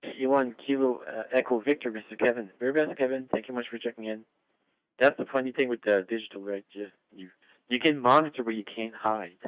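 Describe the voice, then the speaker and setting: A man's voice: medium pitch, fairly quick, dry recording, dull audio. A man chatting casually as an amateur radio net controller over a two-way radio, rambling and friendly. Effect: two-way radio transmission.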